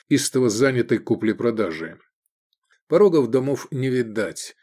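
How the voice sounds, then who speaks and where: A man narrating an audiobook in a measured, expressive reading style. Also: medium pitch. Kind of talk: scripted narration.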